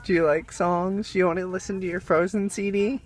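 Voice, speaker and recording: High-voiced man chatting casually. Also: fairly even intonation, moderate pace. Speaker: companion looking after a patient. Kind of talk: casual caring chat. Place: inside a parked car.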